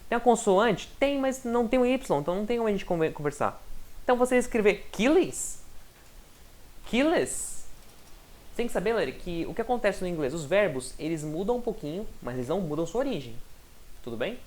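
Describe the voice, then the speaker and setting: A man teaching an English lesson in a chatty, encouraging way, sounding out example words slowly and often checking in with his student. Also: sits high, lively intonation, darkish tone. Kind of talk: recorded online lesson.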